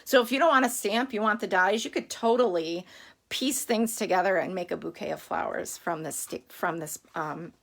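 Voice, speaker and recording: Middle-aged lady rambling thru a craft livestream, bit of vocal fry, hiccuping, says hi to folks by name. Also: medium pitch, normal speed, a bit bright. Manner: chatty, rambling, greets viewers by name. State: has the hiccups. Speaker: stamping demonstrator hosting a live stream. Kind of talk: casual live-stream craft demo.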